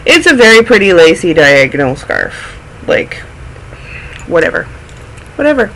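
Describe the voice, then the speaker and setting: On his relaxed knitting video podcast, a man who has a cold and sounds snuffly chats about his projects, rambling and going off on tangents in a show-and-tell style. His high, a bit bright voice has big pitch swings and vocal fry and runs a little slow, in a rough recording with slight background noise.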